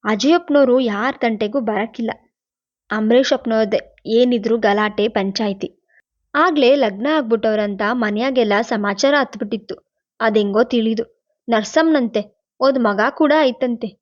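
A talkative older village maid, as a woman narrator puts her on, spilling household gossip in rustic dialect. Her voice sits fairly high, and the recording sounds somewhat dull. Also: unhurried, close to an everyday voice. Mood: gossipy. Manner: rustic dialect, chatty and confiding.

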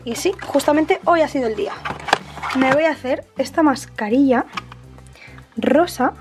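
A young woman with a Spain Spanish accent, chatting casually and excitedly to her viewers as a vlogger. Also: sits high, normal speed. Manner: chatty and exclamatory. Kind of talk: casual chat to camera. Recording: very echoey room, faint music.

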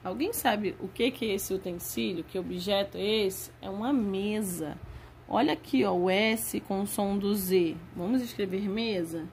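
A woman teacher giving a lesson to young children, spelling out words slowly and stretching them out. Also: medium pitch, gravelly, darkish tone, a little hiss or hum. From Brazil. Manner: slow, drawn-out spelling of words.

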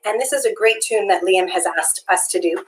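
A woman's voice: mid-range voice, a little fast, a little hiss or hum, rough recording. A woman co-hosting a live children's sing-along from home, cheerful and encouraging, speaking like a teacher. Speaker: children's music co-host.

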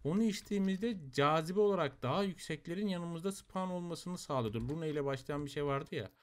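A young man giving casual commentary while playing a survival game, talking to his tamed creatures and breaking into high, excited yelps. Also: a little fast. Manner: excitable, talks to the animals, bursts into high yelps. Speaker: gameplay commentator. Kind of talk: live gameplay commentary.

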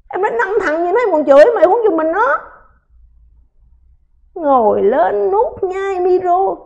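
Woman, talk show host, high voice, heated rant, repeats words, combative. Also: a little mellow, muffled recording.

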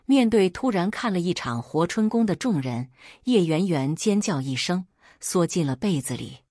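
Woman, story narration, low pitch, very lively intonation, husky, dry. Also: moderate pace, no echo.

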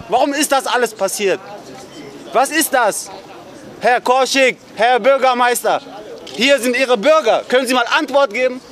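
At a memorial outdoors, a protesting man with a very high-pitched voice angrily confronts an official in the street, shouting the same accusing questions again and again.

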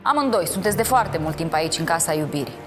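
A woman hosting a reality dating show, announcing an elimination with slow, suspenseful pauses. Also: deep voice, lively intonation, over music.

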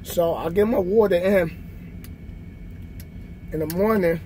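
A man's voice: high voice, a little hiss or hum. A man in his thirties, a truck driver, chatting casually to viewers from his sleeper cab while showing a workout. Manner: slow, relaxed talk to viewers, showing a bunk workout. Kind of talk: casual vlog chat. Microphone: phone camera on a stand nearby.

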